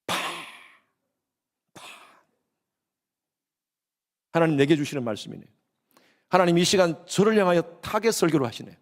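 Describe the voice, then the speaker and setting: Lively Korean pastor in his fifties. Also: a little high, normal speed, pauses often. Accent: Gyeongsang Korean. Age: 50s. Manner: lively preaching, addresses congregation often, acts out quoted lines. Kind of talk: sermon.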